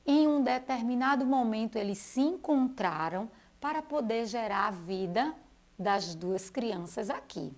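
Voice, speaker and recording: A woman teacher with a Brazilian Portuguese accent giving a school TV lesson for young children, slowly stretching out names and syllables. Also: fairly high pitch, animated, darkish tone.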